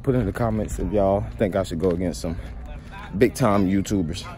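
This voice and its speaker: With a low-pitched, dark voice at a moderate pace, a young adult man vlogs while walking down a street in the sun, the phone held low at arm's length. Slightly sick with a cold, he rambles casually and keeps asking "you feel me." Outdoor street noise and traffic run underneath.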